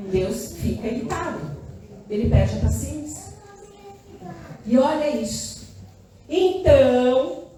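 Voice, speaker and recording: A woman pastor preaching a sermon in an animated way, often asking the congregation "Amém?" and repeating short phrases for emphasis. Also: high voice, background noise. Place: church hall. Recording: echoey church room, distant mic.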